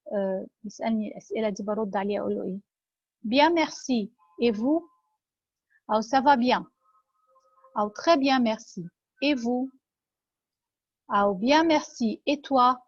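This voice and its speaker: Woman, Egyptian Arabic accent, French teacher, recorded lecture, slow repeated French words, dry dull lo-fi sound. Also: a little high, slightly rough, no room sound. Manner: says each French word slowly, then repeats it.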